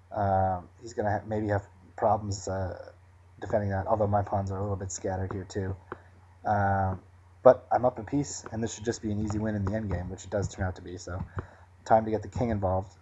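A man calmly talking through a finished chess game move by move, thinking aloud with frequent fillers. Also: lowish voice, dull audio, slight background noise. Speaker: chess commentator. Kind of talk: post-game chess analysis.

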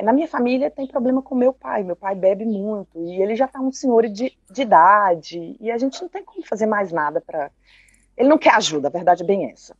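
A woman's voice: mid-range voice, slightly rough, no room sound, highs cut off. A woman caller in a Q&A, talking at length about her family and quoting the conversations she had. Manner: talkative, recounts dialogue, laughs often. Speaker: caller asking for advice. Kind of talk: personal account in a live Q&A.

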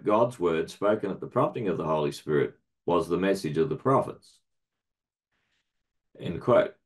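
A middle-aged man reading a prepared academic paper aloud in a measured, formal way, marking each citation with quote and end quote. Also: deep voice, darkish tone. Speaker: research centre director presenting a paper.

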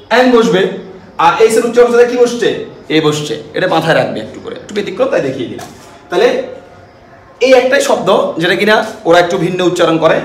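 A young male teacher with a Bangladeshi accent giving an online grammar lesson, explaining step by step and often asking his students questions. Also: high voice. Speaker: school English teacher. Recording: echoey room with faint hiss.

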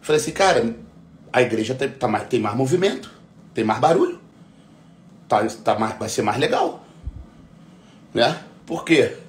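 A man's voice: mid-range voice, lively intonation, a little slow, long pauses, slight background noise. Profane, emphatic man in an echoey room. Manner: heavily profane, emphatic, repeats himself. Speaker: bodybuilding competitor. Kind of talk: casual conversational rant.

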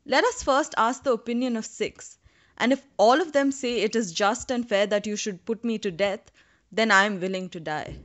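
A woman's voice: on the high side, moderate pace, a bit bright, natural voice. A woman voicing a frightened male Brahmin who pleads for his life in a folktale. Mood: pleading. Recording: dull lo-fi recording.

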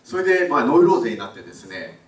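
Older man, guest lecturer, chatty with many pauses, echoey room, heard from some distance. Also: mid-range voice, very animated. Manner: conversational, frequent filler pauses. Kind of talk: public lecture. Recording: roomy, mic at a distance.

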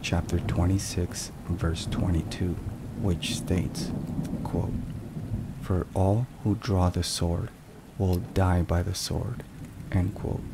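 A man with a low voice and vocal fry narrates slowly in a hushed ASMR whisper, reading a scripted devotional text in a measured, deliberate manner. Steady rain and thunder noise fills the background of the recording.

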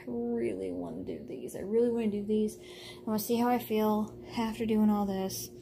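A woman with a slightly high voice talks her way through a home cooking vlog. She rambles and fills pauses with ums and uhs. Clear kitchen noise sits behind her. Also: mellow. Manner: chatty, rambling, with frequent fillers. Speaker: vlogger.

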